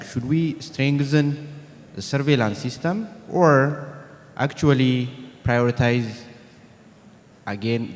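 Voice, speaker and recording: Man from Ethiopia, student, audience question, hesitant, mid pitch, reverberant hall. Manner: searching, hesitant phrasing. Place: conference hall.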